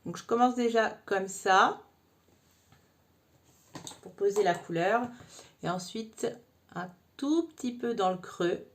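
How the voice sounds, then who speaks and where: A woman's voice: mid-range voice, slow pace, long pauses. Chatty woman giving a makeup tutorial. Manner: chatty, addresses viewer informally with frequent "hein". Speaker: makeup vlogger.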